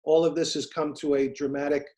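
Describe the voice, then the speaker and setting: A middle-aged man from the United States, telling stories as an interview guest in an earnest, halting way with many restarts. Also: on the high side, little pitch movement, darkish tone. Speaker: interview guest, former FBI agent turned private investigator. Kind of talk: casual interview, storytelling.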